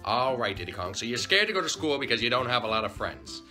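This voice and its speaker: A man's voice: mid-range voice, very animated, fast talker, sharp tone, faint music behind. A man voicing a well-meaning, stammering police officer turned bodyguard in an amateur plush-toy puppet skit. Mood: reassuring. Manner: stammering, exasperated.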